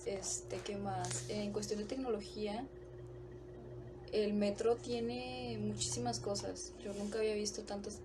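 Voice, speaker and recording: A woman tells her story in an even, level voice that barely rises or falls. She takes her time and pauses on fillers as she goes. A steady ambient hum fills the background. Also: medium pitch. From Mexico. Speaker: interviewee. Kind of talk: casual recollection.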